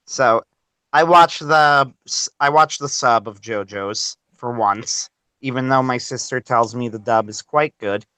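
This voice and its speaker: A man co-hosting a casual livestream chat, giving quick, enthusiastic opinions. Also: mid-range voice, sharp tone, clean tone, no room sound. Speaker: podcast co-host.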